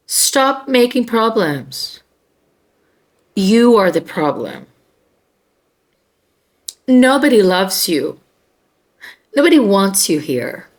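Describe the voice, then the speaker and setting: A woman's voice: mid-range voice, exaggerated voice. A woman acting as a scornful, berating mother. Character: mean berating narcissistic mother, scornful and cold.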